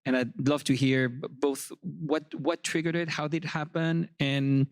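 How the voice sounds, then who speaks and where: Measured male panel moderator. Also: on the high side, flat delivery, dry recording. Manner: measured, summarizing with repeated restarts. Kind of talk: live panel discussion.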